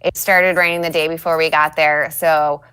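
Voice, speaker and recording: A woman's voice: deep voice, level tone, normal speed, sharp tone, smooth, no room sound. Young woman guest, casual storyteller, laughs often, dry close sound. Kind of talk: casual chat. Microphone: video call.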